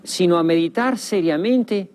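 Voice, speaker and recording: A man giving scripted documentary narration in a solemn, measured voice with dramatic pauses. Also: high-pitched, darkish tone, a little hiss or hum. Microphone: studio voice-over. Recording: voice-over over guitar music. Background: guitar music.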